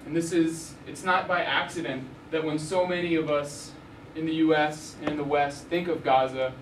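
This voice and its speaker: Speaking at a moderate pace, this young Arizona journalist has a slightly high voice and lectures with slides in an indoor university hall. He's relaxed, filling gaps with ums and restarting sentences. Recorded from far off, the sound carries lots of room echo and constant noise.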